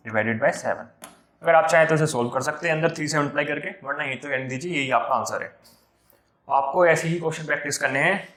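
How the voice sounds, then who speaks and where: A man teaching vector algebra step by step for an entrance exam, slowing down as he reads out each term. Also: mid-range voice, a bit bright, roomy sound. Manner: slows down when reading out terms, mixes English math words. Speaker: math teacher.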